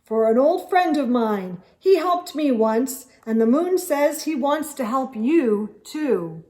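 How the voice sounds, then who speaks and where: A woman voicing a very big, friendly storybook snowman who is calm and helpful. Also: sits high, slow.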